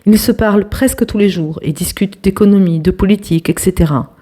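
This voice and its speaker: A young woman in a storytelling-host role reads an online post aloud, her mid-range voice moving fairly quickly. The delivery stays lively, with some hushed asides and chatty comments aimed at viewers.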